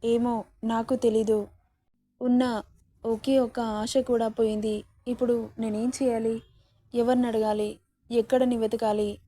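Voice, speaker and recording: A woman's voice: a little high, level tone, a little slow, long pauses, dark tone. A woman voicing a grieving young woman who mourns her father, speaking as a tearful, pleading lament in a dramatic story reading.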